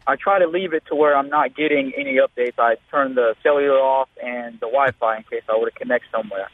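A man's voice: medium pitch, fast talker, no room sound. A man in his thirties calling into a radio show over the phone, telling a rambling story full of fillers. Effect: phone-line caller on a radio show. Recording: tinny phone line, dry.

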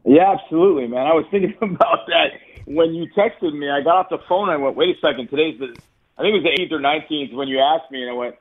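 A man's voice: fairly high pitch, fast talker. Male sports reporter phoning in over Bluetooth, lo-fi and tinny, easygoing storyteller. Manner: chatty, easygoing storyteller who laughs often. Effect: phone call over a Bluetooth line that cuts in and out. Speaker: sports reporter calling in as guest. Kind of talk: casual sports radio chat by phone. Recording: tinny lo-fi phone line.

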